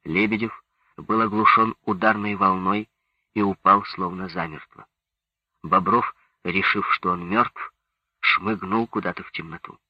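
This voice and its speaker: A man narrates a book in a slow, even manner. His voice is husky and on the low side. The recording is dry and dull, as on a lo-fi audiobook. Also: no echo. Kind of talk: scripted narration.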